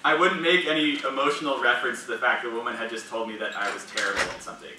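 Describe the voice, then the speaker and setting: A man's voice: medium pitch, fairly even intonation, very fast. Young man, casual storytelling, rambling with fillers, echoey room, faint background hum. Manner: rambling, many "like" fillers, frequent laughter. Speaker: speaker sharing personal experience. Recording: echoey room, mic at a distance.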